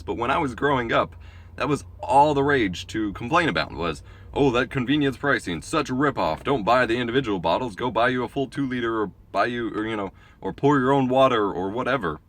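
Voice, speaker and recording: A man's voice: fairly low pitch, fairly bright tone. Congested man vlogging on his phone. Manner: chatty, opinionated explaining. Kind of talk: casual vlog monologue. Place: gas station store and car. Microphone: phone camera, handheld or propped.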